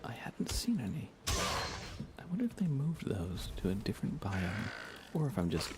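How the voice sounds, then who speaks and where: A man live streams a game ASMR-style, softly chatting with viewers in a hushed voice over background noise. His voice is on the low side with big pitch swings, at a moderate pace.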